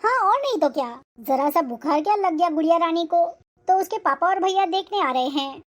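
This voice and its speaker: A woman voicing a stern, proud middle-aged mother-in-law in a cartoon, with a scolding, sharp-tongued way of talking. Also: very high voice, expressive, fairly quick. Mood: complaining.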